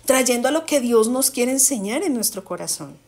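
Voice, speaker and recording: A woman teaching a Bible study to her congregation, asking the group questions and slowing down on key words for emphasis. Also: fairly high pitch, lively intonation, darkish tone. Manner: asks the group questions and repeats answers.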